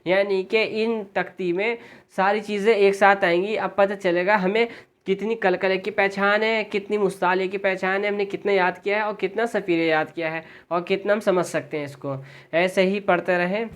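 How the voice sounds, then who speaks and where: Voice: medium pitch, steady tone. Patient teacher drilling recitation sounds. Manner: patient, repeats each sound slowly for the learner; explains letter rules plainly, then drills them aloud. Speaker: Quran reading teacher. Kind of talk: step-by-step recitation lesson.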